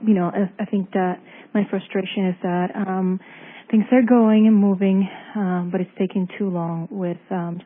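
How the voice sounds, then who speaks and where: A woman from Connecticut leaving a polite, halting voicemail question for a podcast, played back over a phone line. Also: lowish voice. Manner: polite, halting, with many pauses. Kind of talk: recorded voice message.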